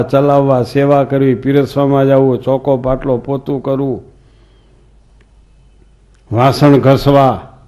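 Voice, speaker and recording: Warm and medium in pitch, a man's voice carries a swami's scripture discourse. He preaches through folksy stories and asks questions of those gathered in the hall.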